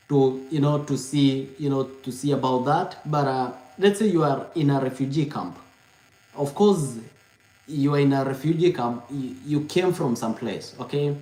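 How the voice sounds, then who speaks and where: A man's voice: medium pitch, a little mellow, reverberant, low-quality recording. A man hosting a live stream, explaining steps and reading out viewers' comments, repeating himself to reassure them. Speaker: host answering viewers.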